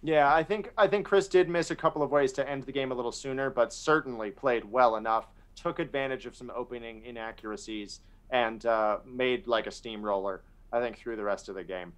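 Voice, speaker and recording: A man co-hosting a chess show, reflecting on principles and games in a thoughtful, casual way, his voice softening at the end of phrases. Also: medium pitch, brisk, hardly any pauses. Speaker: chess commentator.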